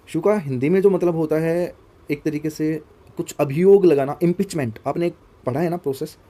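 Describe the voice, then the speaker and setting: A young man with a fairly high, mellow voice gives a vocabulary lesson for exam students. He keeps it conversational, spells words out letter by letter, and invites viewers to comment.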